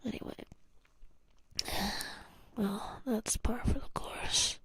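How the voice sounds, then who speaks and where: A woman's voice: on the high side, takes it slowly, husky. A woman streamer whispering a drowsy, playful and teasing ASMR ramble with whispered role-play, very close to the mic. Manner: sleepy, drowsy. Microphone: close mic, cupped whispering at the ear.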